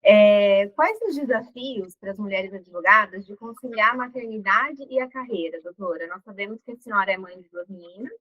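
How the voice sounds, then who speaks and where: Bright-voiced woman host, dull recording. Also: medium pitch, brisk, few pauses, no echo. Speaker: panel host and lawyer. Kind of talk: panel discussion.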